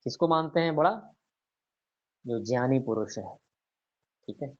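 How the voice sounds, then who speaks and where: A man teaching a scripture lesson, reciting verses slowly and putting rhetorical questions to his listeners. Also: medium pitch, a little mellow, dull audio. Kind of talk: explanatory religious lecture.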